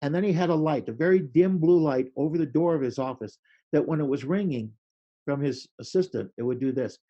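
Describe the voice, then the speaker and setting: A man telling animated stories in a casual interview, acting out quoted lines with a loud voice. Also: on the high side, fairly quick, muffled recording. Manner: animated storyteller, acts out quoted lines loudly. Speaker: podcast guest, creativity speaker.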